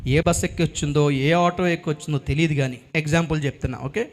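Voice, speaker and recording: A male pastor with a high-pitched voice preaches in an animated, storytelling manner. He calls out to the congregation for a response. His delivery moves between hushed narration and strong exclamation. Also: fast. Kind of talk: sermon.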